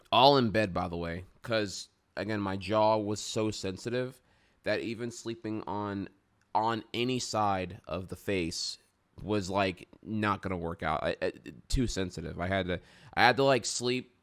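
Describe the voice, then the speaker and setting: A man with a sore, stiff jaw after wisdom tooth surgery, chatting casually and frankly in a rambling, halting way with some swearing. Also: low-pitched, a bit bright, clean tone. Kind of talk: casual unscripted chat to an audience.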